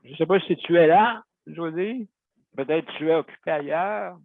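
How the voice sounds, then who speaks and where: A man hosting a show, chatting in a rambling, self-correcting way. His voice sits a little high and carries a gravelly fry. The sound is dry and tinny, like a phone line. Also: moderate pace, dry recording. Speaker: host. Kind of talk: casual talk to listeners.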